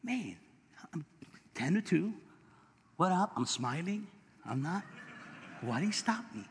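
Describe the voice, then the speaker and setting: A male pastor with a Californian accent preaching a sermon, telling stories and building up to shouts. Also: high-pitched, very animated, measured pace, slightly rough. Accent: Californian English. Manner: storytelling preacher, rising to shouts. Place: church sanctuary. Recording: long hall reverb.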